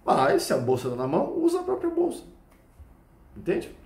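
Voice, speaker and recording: A Brazilian man, a Krav Maga instructor, explaining a point through an animated personal story and often checking whether the listener follows. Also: high-pitched, normal speed, creaky. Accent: Brazilian Portuguese. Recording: echoey room.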